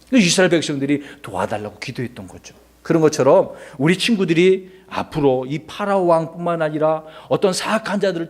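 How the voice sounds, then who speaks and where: A male pastor giving a children's sermon, asking the children questions and acting out little voices as he teaches. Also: fairly high pitch. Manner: animated, asks the children questions and acts out voices.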